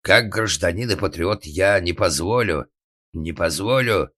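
Deep-voiced guy playing a paranoid hard-drinking organ grinder, yells and accuses, storybook audio. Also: measured pace, no echo, clean studio sound. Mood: angry. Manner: shouting, accusing, blustering. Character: drunken, suspicious, bullying middle-aged male organ grinder. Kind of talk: audiobook character acting.

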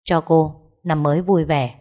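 A woman's voice: low voice, fairly even intonation, measured pace, mellow. A woman voicing a cool, curt young husband who speaks in short lines in an audio story. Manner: curt, terse.

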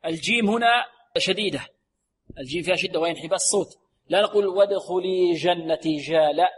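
A man teaching Quran recitation on the radio, stretching words slowly to demonstrate sounds and then explaining briskly. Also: sits high, animated, fairly bright tone, breathy edge, big-room sound. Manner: slow drawn-out demonstration of sounds, repeats words; brisk explanations between examples. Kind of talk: tajweed lesson on radio. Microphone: recorded for radio.

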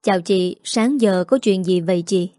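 A calm middle-aged father, read by a woman, speaks gently and politely. His voice sits in a medium pitch. The sound is close and dry. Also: normal speed, no room sound, close to an everyday voice.

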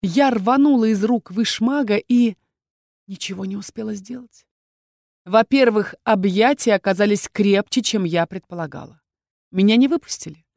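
A woman reading a first-person fantasy novel aloud with expressive delivery. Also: mid-range voice, normal speed, no echo, studio quality. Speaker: audiobook reader. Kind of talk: scripted first-person narration.

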